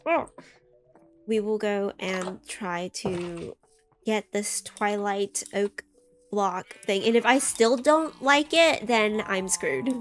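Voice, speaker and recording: A young woman chatting casually through a game, easily startled, often yelping and screaming in alarm. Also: medium pitch. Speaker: gaming YouTuber. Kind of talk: casual let's play commentary. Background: soft background music.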